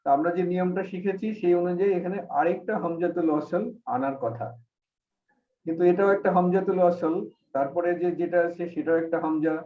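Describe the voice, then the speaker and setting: Man teaching online, patient step-by-step explaining, fairly high voice, far from the mic, roomy, tinny phone-line sound. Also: a little fast. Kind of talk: online Arabic grammar class. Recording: echoey, distant, phone-like call audio.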